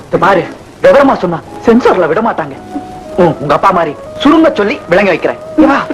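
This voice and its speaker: A cheeky young man, teasing and theatrical, with a lively, swooping high voice. Old film soundtrack with music underneath. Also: brisk, low-quality recording. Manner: teasing, exaggerated wailing.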